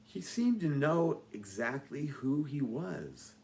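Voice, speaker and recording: A man, the author, reading his own book aloud with dry, deadpan asides. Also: fairly high pitch, slow, slight background noise. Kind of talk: audiobook narration.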